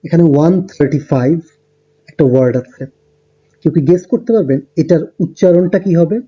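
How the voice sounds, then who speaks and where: A man teaching a beginner language lesson, explaining step by step with frequent ums and pauses. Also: fairly high pitch, slightly rough, dull audio. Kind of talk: lesson narration over slides.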